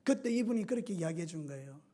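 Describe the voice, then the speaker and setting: A middle-aged male pastor preaching a sermon with animated storytelling, acting out scenes and voices. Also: sits high, fast.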